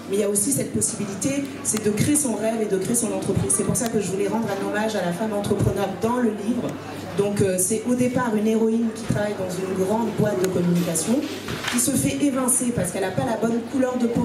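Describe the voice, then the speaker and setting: A woman from Congo in her thirties speaks on a panel at a live event about her book, earnestly and steadily, often pausing with hesitations, into a handheld mic. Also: medium pitch. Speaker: author on a panel. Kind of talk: panel talk. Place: small room at a live event. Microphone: handheld microphone. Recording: roomy, from far off.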